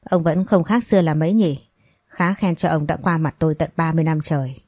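A woman's voice: low voice, steady tone, brisk, darkish tone, no room sound, studio quality. A woman voicing a resentful middle-aged woman who accuses a man of old betrayals, in a storybook reading. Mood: bitter.

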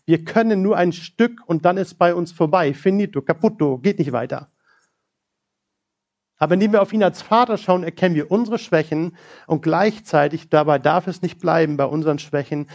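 A middle-aged man preaching a sermon, telling personal stories in a lively, personal way. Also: fairly high pitch, lo-fi sound.

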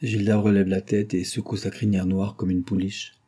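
A man reading a first-person crime novel aloud in a dry, wry, measured way. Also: lowish voice, level tone, dark tone, husky. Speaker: audiobook narrator.

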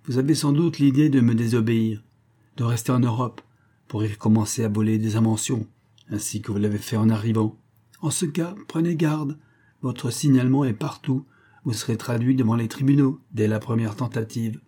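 A man's voice: mid-range voice, fairly even intonation, moderate pace, dark tone, close to an everyday voice. A man voicing a cold, authoritative male billionaire who gives curt orders in a raised voice. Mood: icy, commanding.

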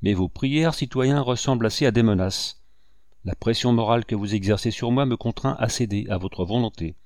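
A man voicing a proud, bitter rebel commander who speaks in solemn, measured oratory. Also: medium pitch, a little mellow, no echo, clean studio sound, close to an everyday voice. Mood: bitter, curt.

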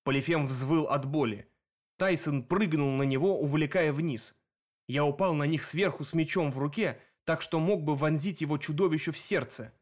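A man reading a first-person action audiobook aloud in a steady, vivid storytelling manner. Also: on the high side, normal speed. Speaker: audiobook narrator. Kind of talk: first-person scripted narration.

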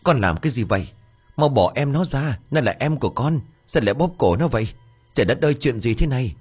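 A man's voice: fairly low pitch, animated, brisk, husky, faint music behind. A man voicing a frightened middle-aged village mother who stammers and pleads in panic. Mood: panicked.

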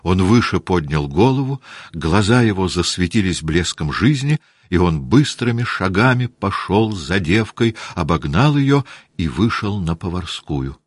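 Male audiobook narrator, steady and measured, deep voice, dry recording. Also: husky, dry recording. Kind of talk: scripted narration of a classic novel.

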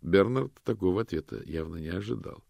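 A man reading a novel aloud as narrator, in an expressive, dramatic way. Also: sits low, fairly quick, vocal fry, no room sound, studio quality. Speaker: audiobook narrator. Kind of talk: scripted narration.

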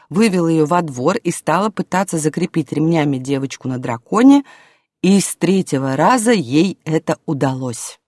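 A woman narrating an audiobook in a calm storytelling manner, dropping to a hush in quiet scenes. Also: low-pitched, no echo, clean studio sound.

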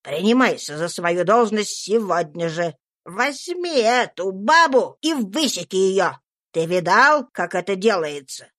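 A woman voicing a brutal, mocking middle-aged slave owner who shouts and sneers in slow, heavy threats. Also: mid-range voice, lively intonation. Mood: commanding.

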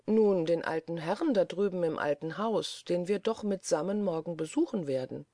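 Sly old manservant, dry and calm, mellow tone, dry sound, read by the narrator. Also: medium pitch, normal speed, no room sound, natural voice. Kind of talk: audiobook character voice.

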